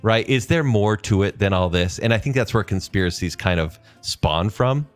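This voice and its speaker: A man's voice: on the low side, animated, moderate pace, faint music behind. A man hosting a podcast in casual chat, teasing his co-host and laughing often.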